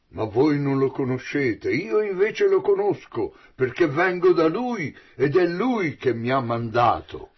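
Guy playing jesus, husky and booming, slow solemn bible reading, kinda muffled. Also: exaggerated voice. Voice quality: husky, loud and declamatory. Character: man preaching as Jesus, solemn and commanding.

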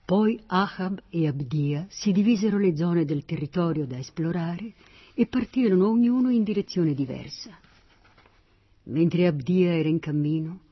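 Husky Bible-story reader on a dull recording. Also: medium pitch. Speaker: narrator.

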